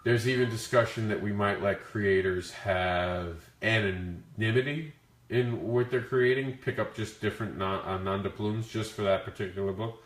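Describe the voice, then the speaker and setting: A man with a rough, growly voice from the flu, talking casually as he hosts a question-and-answer stream about his creative work. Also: lowish voice, moderate pace, a bit bright. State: sick with the flu. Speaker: comic creator hosting a Q&A. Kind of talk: casual livestream Q&A talk. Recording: echoey, roomy sound.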